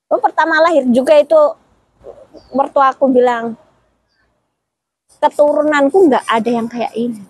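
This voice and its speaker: A woman's voice: sits high, normal speed, long pauses, no room sound, poor audio. A woman, talking casually as an interview guest and retelling her story with quoted dialogue and many restarts. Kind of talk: casual chat.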